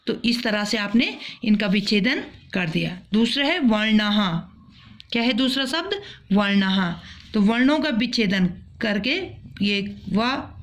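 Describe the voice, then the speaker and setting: Woman teacher, fairly high pitch, very slow and deliberate, breaks words into single sounds and repeats them. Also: slight background noise. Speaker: school teacher. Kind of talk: classroom lesson, spelling out letters.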